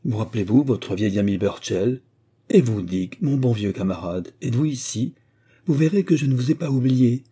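A man voicing a generous wealthy older gentleman in an audiobook, speaking in a gracious, measured way. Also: mid-range voice, animated, husky. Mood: affectionate.

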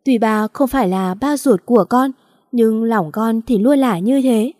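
A woman's voice: on the high side, moderate pace, dark tone, no room sound, clean studio sound, natural voice. A woman voicing a loving young adopted daughter who pleads tearfully with her father. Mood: pleading, tearful.

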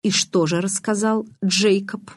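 A woman's voice: mid-range voice, steady tone, measured pace, slightly rough, dry recording. Edward, a woman reading as a cool mocking vampire boy. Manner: dry, sardonic, restrained. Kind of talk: audiobook reading.

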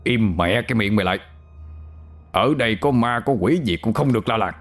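A man's voice: on the low side, moderate pace, faint music behind, natural voice. A man voicing a burly, brutal male prison guard who snarls threats. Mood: gruff menace.

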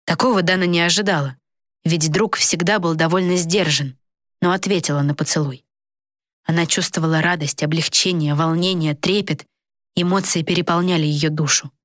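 Female storyteller, low-ish voice, steady read, dry booth sound. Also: normal speed, dry recording. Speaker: narrator. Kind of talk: audiobook narration. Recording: dry close recording.

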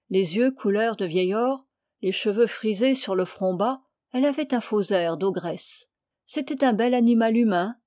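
A woman narrates a classic novel in a measured, expressive reading. Her voice sits at a middle pitch with a mellow, warm tone. The recording is close and dry. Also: no echo. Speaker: audiobook reader. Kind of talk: literary audiobook narration.

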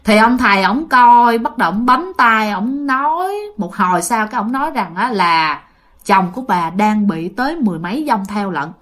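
Speaking at a medium pitch and a moderate pace, this woman sounds expressive and fairly bright. She has a Southern Vietnamese accent and spins a ghost story conversationally, addressing her audience directly and performing the quoted voices herself.

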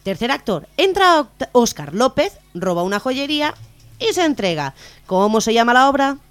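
A woman's voice: on the high side, big pitch swings, moderate pace. A young woman co-hosting a community radio humor show, telling jokes and laughing along.

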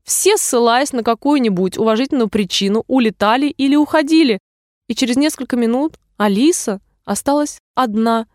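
Calm female storybook narrator, fairly high, dry studio sound. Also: a little fast, dry recording. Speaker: audiobook reader.

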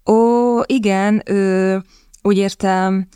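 A woman reading the part of a sulky, cowardly young gentleman who whines and stammers. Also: on the low side, expressive, no echo, studio quality, natural voice. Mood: flustered. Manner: whiny, stammering.

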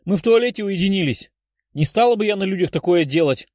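A hot-tempered young dragon girl blurts her lines loudly, her voice jumping high and shrill, as a man reading the story puts her on. The recording is close and dry. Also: animated, fast, dry recording. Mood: embarrassed.

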